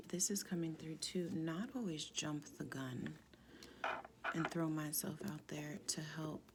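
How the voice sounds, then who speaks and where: Female tarot reader, sultry and husky smoker's tone, heavy vocal fry, soft-spoken, informal, halting delivery. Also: deep voice, noisy background. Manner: halting, informal, with pauses and frequent "like". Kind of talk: casual spiritual tarot reading, soft-spoken.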